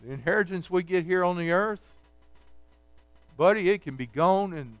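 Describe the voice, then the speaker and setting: A man's voice: sits high, animated, normal speed, smooth, no echo, faint music behind. A man preaching a midweek Bible study sermon, reading scripture aloud and explaining it conversationally, often checking in with "okay" and "all right". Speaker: pastor.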